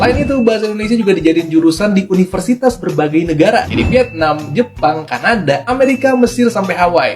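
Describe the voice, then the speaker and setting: A man presenting scripted facts in an upbeat, quiz-like manner. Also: high voice. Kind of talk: scripted narration.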